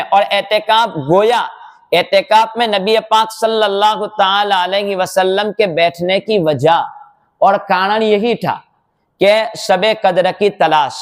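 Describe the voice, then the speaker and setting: Guy with a high voice giving a mosque sermon, explains stuff, asks questions then answers them. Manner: explanatory preaching, quoting sayings, rhetorical questions.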